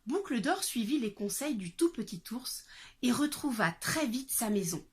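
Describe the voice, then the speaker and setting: Woman, storybook narration, expressive, lively melody, bright, fairly high. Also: moderate pace, breathy edge. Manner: expressive, animated read-aloud.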